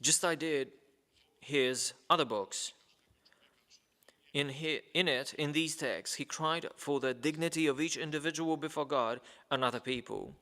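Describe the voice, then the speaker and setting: The man reading this letter aloud at a ceremony has a fairly high, sharp voice and speaks a little slowly. His formal delivery is hesitant, with many fillers and stumbles over names, and the large hall leaves a long reverb.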